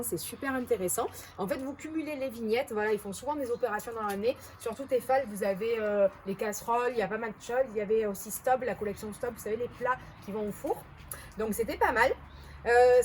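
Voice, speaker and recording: A woman's voice: a little high, darkish tone, slight background noise. Chatty woman with a Marseille accent. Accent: Marseille French. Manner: chatty, hesitant, self-correcting. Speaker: vlogger reviewing bargain hauls. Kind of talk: casual chat to camera.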